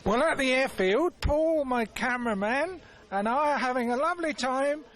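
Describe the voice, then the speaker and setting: A woman's voice: high-pitched, lively intonation, normal speed. A woman, presenting and interviewing people on location in a chatty style. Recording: faint outdoor noise, vehicles nearby.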